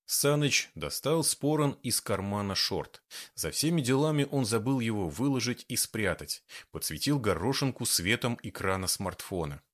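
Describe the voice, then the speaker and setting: Audiobook narrator, low male voice with lively intonation. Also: moderate pace. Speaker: audiobook reader. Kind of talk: scripted narration.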